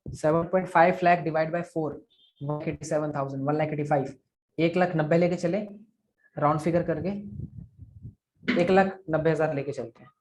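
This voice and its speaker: A man's voice: on the high side, steady tone, normal speed, long pauses, a little mellow, slight background noise. Male sales mentor, live online class, coaching tone, works through sums aloud over a video call. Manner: coaching, repeats figures aloud, asks "ठीक है?". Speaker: affiliate marketing sales trainer. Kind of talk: live online training session.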